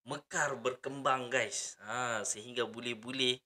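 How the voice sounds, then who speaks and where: A man's voice: mid-range voice, steady tone, measured pace, bright, forceful tone. A man with a Malaysian accent hosting a casual reaction video, often addressing his viewers directly. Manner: repeats and echoes phrases, addresses viewers often.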